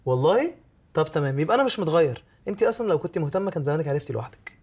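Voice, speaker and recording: An actor playing a sulking young husband with an Egyptian accent, passive-aggressive in a comedy series. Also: male voice, fairly high pitch, sing-song, rapid-fire, darkish tone. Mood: sulky. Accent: Egyptian Arabic.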